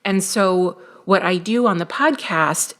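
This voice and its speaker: A woman hosting her own business podcast, talking in an energetic, straight-talking coaching manner, with a morning voice just after a workout. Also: on the low side, unhurried. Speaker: podcast host. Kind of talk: solo business podcast talk.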